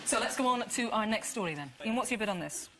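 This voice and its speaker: A woman hosting a comedy news quiz, reading scripted jokes in a crisp, dry way. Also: on the high side, animated, quick pace, a bit bright, a faint crowd. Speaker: quiz host. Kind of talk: scripted panel show hosting.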